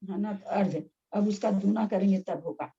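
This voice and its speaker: Patient woman teacher, mellow husky voice. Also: medium pitch, muffled recording. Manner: patient, repeats steps slowly for students to write. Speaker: religious study teacher. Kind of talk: explaining text line by line.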